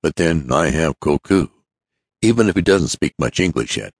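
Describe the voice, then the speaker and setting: A man voices a wary young inventor in a storybook, speaking in a plain, measured way. The voice is deep and husky and moves through a lively pitch range, and the recording is close and dry. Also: no echo, heavily acted. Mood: musing.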